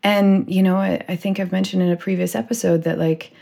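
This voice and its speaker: A woman's voice: on the low side, fairly even intonation, fairly quick, creaky, warm tone. A woman hosting a casual podcast conversation, rambling with lots of "like" and "you know". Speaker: podcast host.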